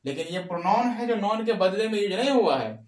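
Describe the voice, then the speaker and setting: A man gives a classroom-style grammar lesson, going over each phrase slowly and answering his own questions. His voice sits high. The room is echoey. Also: lively intonation. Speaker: English grammar teacher.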